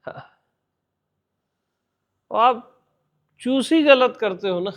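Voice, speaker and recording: A man giving a devotional satsang talk as spiritual teacher, guiding listeners and softly repeating chants. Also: very high-pitched, slow pace.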